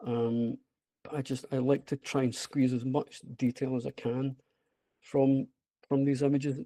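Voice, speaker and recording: Speaking at a measured pace in a level, warm, medium-pitched voice, a broad-accented Scottish app creator gives a casual online presentation over a screen-shared video call. He's hesitant and self-effacing but enthusiastic, and there's no echo.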